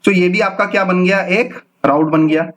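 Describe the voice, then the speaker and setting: A man's voice: high-pitched, normal speed, fairly bright tone. An Indian man teaching a live coding class, mixing English terms into Hindi and often checking in with his students. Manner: explains with frequent "ठीक है ना?" check-ins. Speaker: instructor.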